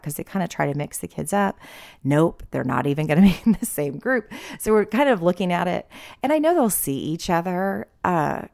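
Woman, middle-aged, podcast host, low gravelly voice, emotional chatty storytelling, dry close sound. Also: a little mellow, no room sound. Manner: emotional, laughing, breaking into whispers. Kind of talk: casual personal storytelling.

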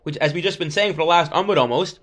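Man, high voice, Talmud teacher, reads then translates, asks and answers questions. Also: fast, fairly bright tone. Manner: explanatory, stop-and-start, poses questions and answers them. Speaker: religious teacher giving a Talmud class.

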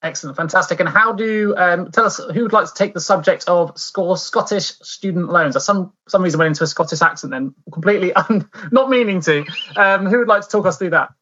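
Brief: male podcast host, high and bright, upbeat, dull lo-fi sound. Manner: upbeat, quick praise and jokes. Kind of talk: panel podcast chat.

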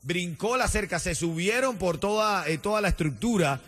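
A man hosting a morning radio show, chatting in an animated way and repeating words for emphasis. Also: sits high, normal speed. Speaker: radio host. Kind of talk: casual morning radio chat. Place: radio studio.

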